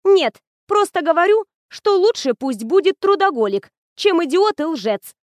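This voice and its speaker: A woman reading the lines of a lively young woman student who teases her friend in an audiobook. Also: sits high, moderate pace, dry recording, pitched above the performer's own voice. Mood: teasing. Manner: bubbly, teasing, animated.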